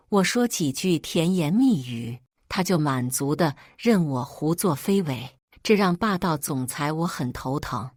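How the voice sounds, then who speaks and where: A woman narrating a first-person drama story in a playful, lively way. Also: on the low side, no room sound, studio quality.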